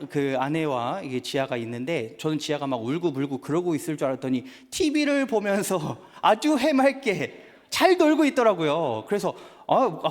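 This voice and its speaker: Male pastor, animated sermon delivery in a reverberant church hall. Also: fairly high pitch. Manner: animated, acts out family dialogues. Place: church sanctuary.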